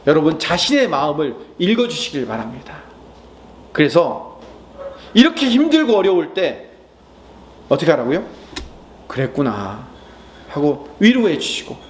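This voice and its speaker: A man preaching a Sunday sermon as pastor, asking the congregation questions and answering them, dropping to a soft, gentle tone for comforting words. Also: fairly high pitch, slight background noise.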